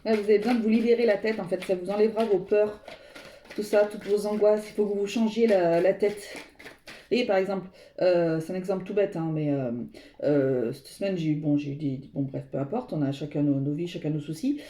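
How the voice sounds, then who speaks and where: Woman doing a tarot reading for viewers, rambly and searching for words, super mellow dark voice, echoey room. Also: on the low side, fairly quick, a little hiss or hum. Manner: meandering, searching for words, addresses viewers directly. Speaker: tarot reader. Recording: roomy echo.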